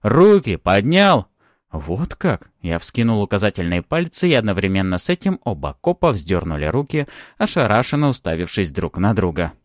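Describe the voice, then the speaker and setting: A man narrating a first-person audiobook in a smug, expressive manner. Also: deep voice, no echo, studio quality.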